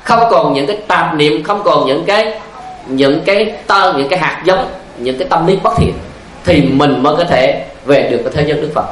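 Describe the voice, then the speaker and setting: A man's voice: a little high, normal speed, echoey room, a little hiss or hum, low-quality recording. A male Buddhist monk giving a dharma talk, asking rhetorical questions and telling stories. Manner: repetitive, asks rhetorical questions, tells stories. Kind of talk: sermon with anecdotes.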